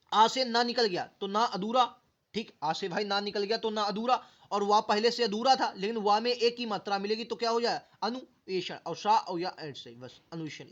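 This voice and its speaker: High-voiced man drilling spelling, lo-fi. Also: a bit bright. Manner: drills words aloud, repeats them syllable by syllable; keeps asking students rhetorical questions. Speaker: teacher. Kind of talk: exam-prep grammar lesson.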